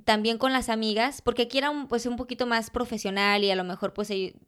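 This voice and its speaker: A Mexican woman co-hosting a podcast in casual, animated chat, laughing often. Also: on the high side, fast talker, smooth. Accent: Mexican Spanish. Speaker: podcast co-host.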